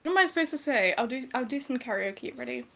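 A woman's voice: high voice, lively intonation, fast, vocal fry, pushed and bright. A young woman co-hosting a casual online chat, crude and joking and swearing freely over voice chat. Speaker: podcast co-host.

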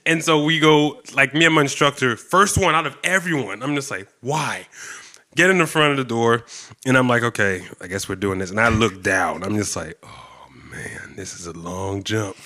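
Bright-voiced man telling a story. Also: mid-range voice, normal speed. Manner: animated, laughing, acts out quotes. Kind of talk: casual storytelling chat.

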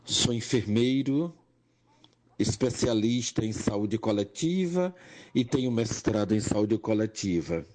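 An older man with a Pernambuco accent, a nurse and educator, giving a slow, measured personal testimony that rises in emphasis on key points. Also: on the low side, lively intonation, darkish tone. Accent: Pernambuco Portuguese. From Brazil, Pernambuco.

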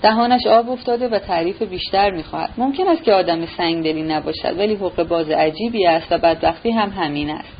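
A woman's voice: lowish voice, few pauses, natural voice. A woman reading the lines of a scornful young man who mocks his uncle, in a storybook reading on a dull, slightly noisy recording. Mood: mocking. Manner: sneering, loud and derisive.

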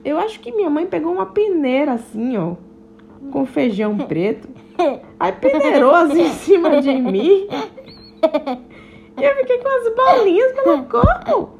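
A woman's voice: extremely high pitch, big pitch swings, measured pace, creaky, a little mellow, a little hiss or hum, pitched above the performer's own voice, full character voice. Joana, a giggly little ladybug girl, played by a woman. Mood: playful. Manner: playful, giggly, fibbing. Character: cheeky young ladybug girl posing as bee.

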